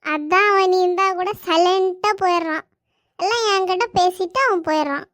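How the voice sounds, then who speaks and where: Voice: extremely high pitch, moderate pace, a bit bright, no room sound. A performer voicing a teasing, bossy girl in a family comedy cartoon, explaining things matter-of-factly and giving orders. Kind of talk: family comedy skit dialogue.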